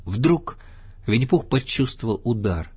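A man reading a children's storybook aloud as narrator, in a lively storytelling manner. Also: medium pitch, unhurried, breathy edge. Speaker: storybook reader. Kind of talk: scripted narration.

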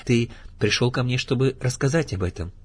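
A man voicing a gentle, motherly female kangaroo in a storybook reading, soft and kindly. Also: medium pitch, brisk, husky, natural voice.

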